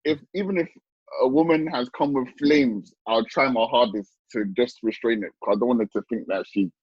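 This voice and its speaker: A man's voice: mid-range voice, moderate pace, breathy edge, no echo, highs cut off. A man, co-hosting a casual podcast and teasing the others with jokes. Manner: joking, teasing interjections. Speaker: podcast co-host. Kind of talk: casual chat.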